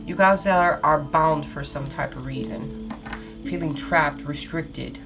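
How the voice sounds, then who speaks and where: Female tarot reader, lower register, casual and direct mystical horoscope delivery, prominent music underneath. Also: unhurried. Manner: casual, conversational, addressing listeners directly. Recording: loud background music. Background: music, shuffling cards.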